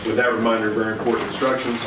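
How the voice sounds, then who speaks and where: A man serving as judge, giving measured, formal instructions to a jury, heard in a courtroom recording. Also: lowish voice, level tone. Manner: measured, deliberate, with frequent uh fillers. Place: large courtroom. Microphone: distant room mic. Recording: echoey courtroom, far mic, loud hiss.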